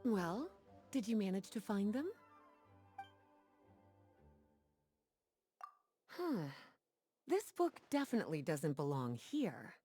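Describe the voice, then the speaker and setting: A woman playing a poised, knowledgeable fantasy librarian in a video game, explaining things in a composed, gently teasing way. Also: medium pitch, big pitch swings, measured pace, faint music behind. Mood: composed, serious.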